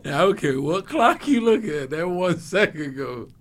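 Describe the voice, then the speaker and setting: A man's voice: fairly high pitch, animated, moderate pace, fairly bright tone. A man in a casual, slangy chat, philosophizing in an easygoing way as a podcast co-host.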